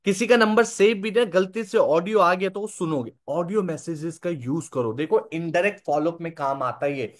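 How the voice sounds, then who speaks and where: High-voiced man teaching a live session. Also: moderate pace, few pauses. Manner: instructive, repeats points, checks in with listeners. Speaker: sales trainer. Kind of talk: live online training session.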